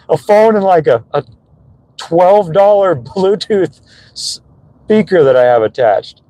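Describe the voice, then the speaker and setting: A man's voice: high-pitched, lively intonation, slow, pauses often, mellow, dry recording, low-quality recording. Earnest young man giving a pep talk. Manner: earnest, emotional, swearing casually. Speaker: vlogger. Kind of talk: motivational talk to viewers. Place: gym. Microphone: phone.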